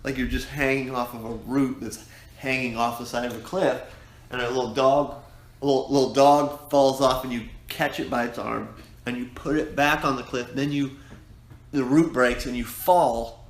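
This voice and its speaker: A man's voice: medium pitch, steady tone, moderate pace. A man, co-hosting a podcast, telling a long, rambling story in casual chat with many restarts. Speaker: podcast co-host. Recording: echoey room, faint noise.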